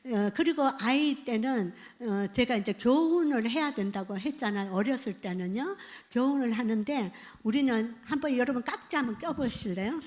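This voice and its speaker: High-voiced woman pastor preaching. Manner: lively, acts out parent and child voices, asks congregation to join in. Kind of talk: midweek sermon on parenting. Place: church sanctuary.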